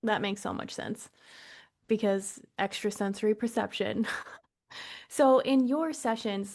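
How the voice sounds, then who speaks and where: Woman, podcast host, gravelly fry, reflective, affirming. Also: mid-range voice. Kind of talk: interview.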